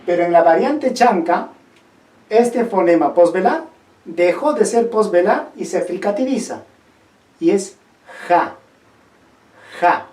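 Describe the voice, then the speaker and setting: A teacher giving an online lesson, speaking slowly and deliberately, pausing between words, repeating and demonstrating sounds and checking in with listeners. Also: mid-range voice, animated, darkish tone. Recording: roomy echo, speaker far from mic.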